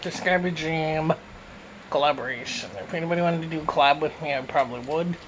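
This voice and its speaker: A man's voice: on the high side, brisk, a bit bright, slight background noise, low-quality recording. A man from Canada answering questions in a casual mukbang Q and A, talking with his mouth full as he eats, recorded on a phone. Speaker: YouTuber answering viewer questions.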